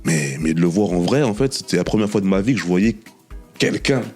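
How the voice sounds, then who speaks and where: A former professional footballer chatting as a guest, telling animated anecdotes and repeating himself often. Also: male voice, sits low, brisk, soft background music. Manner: animated anecdotes with many repetitions and "tu vois". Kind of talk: casual storytelling interview.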